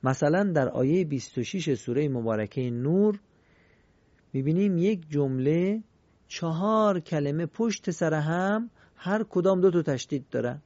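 A man teaching Quran recitation in a recorded lesson, explaining rules politely and chanting example words slowly and clearly. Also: fairly high pitch, lively intonation, a little mellow, no room sound, lo-fi sound. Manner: polite, formal teaching phrases.

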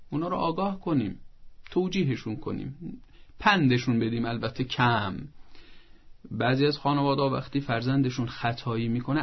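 A man's voice: fairly high pitch, muffled recording. A man giving parenting advice on a talk show. He lays out his points one by one in a teaching manner. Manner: acts out parents' lines in a soft coaxing voice. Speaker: parenting expert guest.

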